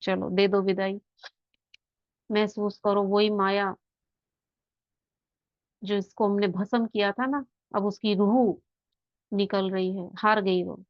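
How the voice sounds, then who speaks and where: A woman's voice: mid-range voice, steady tone, slow, pauses often, no echo. A woman teaching a spiritual class, explaining patiently and putting rhetorical questions to her listeners before guiding them through a visualization. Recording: dull lo-fi dry recording.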